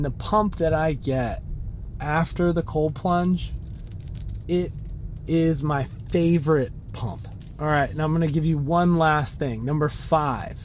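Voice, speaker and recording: Slow-talking man with a slightly high voice. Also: darkish tone, slight background noise. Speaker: fitness vlogger. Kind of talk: casual talk to camera, listing points.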